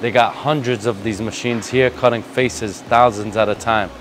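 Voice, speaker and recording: A man in his thirties hosts a hyped, casual vlog tour of a wheel factory, talking in laid-back street slang across a large indoor factory floor. His voice is lowish and steady at a moderate pace. Background noise and music play behind him.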